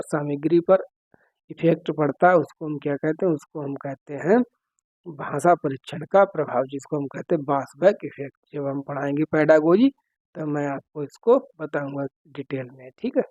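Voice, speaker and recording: A man with a somewhat high voice teaches an exam-prep lesson. He explains each question step by step and keeps checking that his students follow. The recording is dry and close, with a slightly dull tone. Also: moderate pace, mellow, no echo.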